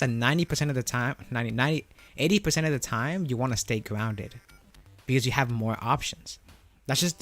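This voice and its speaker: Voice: mid-range voice, fairly bright tone. Voice-changed streamer sounding like a man. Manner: explains patiently, with rhetorical "right?" checks and light laughs. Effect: voice changer filter, output sounding male. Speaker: streamer answering chat. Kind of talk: casual game coaching chat.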